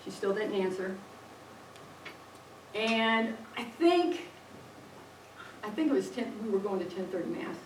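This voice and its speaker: A middle-aged woman, a religion teacher, giving a personal faith testimony in an animated storytelling manner with fillers and restarts. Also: medium pitch, measured pace, pauses often, recorded from a distance, a little hiss or hum. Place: church hall or parish room. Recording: echoey room, recorded from afar.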